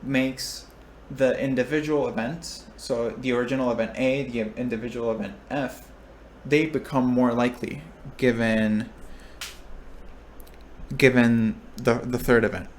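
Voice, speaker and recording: Explaining a probability lecture topic, a young recitation instructor speaks unhurriedly in a steady, mid-range voice. He talks his way through ideas, restarting now and then and checking on his listeners, over slight background noise.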